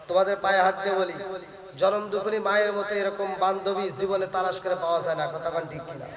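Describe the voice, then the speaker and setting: A man's voice: sits high, reverberant, low-quality recording. A male Islamic preacher, delivering a fervent sermon, singing passages and throwing rhetorical questions at his listeners. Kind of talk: Bengali religious sermon with sung chanting.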